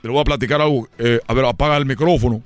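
A man telling a rambling comic story on a radio show, excitable and stammering. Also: medium pitch, racing, noisy background.

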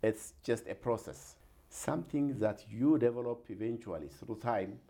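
A man's voice: medium pitch, expressive, normal speed, mellow. A man from Ethiopia with an Ethiopian accent, telling his story in an interview, earnest and hesitant with many fillers. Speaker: guest, regional health program director.

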